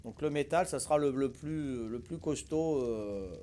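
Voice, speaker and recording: An older Corsican man with a mid-range, dark-toned voice speaks a little slowly over slight background noise. He's a gaming streamer giving casual live commentary as he plays a survival game, chatting with viewers in a folksy way full of hesitations and tag words.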